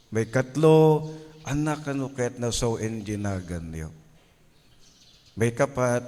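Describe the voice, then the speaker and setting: A Filipino-accented priest preaches in an unhurried, deliberate way, stopping to ask his congregation for an "Amen?" and to tell stories from his ministry. His speech moves between Ilocano and English. His voice rings out with the long reverb of a large church. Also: lowish voice, a little mellow. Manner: preaches to a congregation, often asks "Amen?" for a reply. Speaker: parish priest. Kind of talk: Mass homily.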